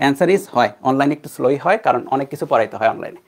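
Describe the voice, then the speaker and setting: A young man from Bangladesh leads an online physics lesson in a relaxed, conversational way. His voice sits at an ordinary middle pitch, and he keeps stopping to ask whether his students are keeping up. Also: rapid-fire. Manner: conversational, checks in with students often. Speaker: physics teacher. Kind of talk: online class lecture.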